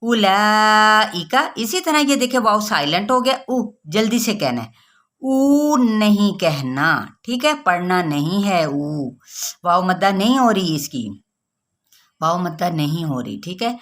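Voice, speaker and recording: A woman with a slightly low voice teaches recitation rules in a patient, explanatory way. She keeps checking in with her listeners and sounds out example words slowly and carefully. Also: sing-song. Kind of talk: tajweed lesson.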